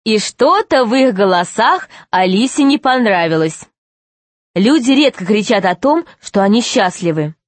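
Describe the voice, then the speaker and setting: A woman narrating a children's story aloud in a steady, expressive way. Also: mid-range voice, unhurried, dry recording.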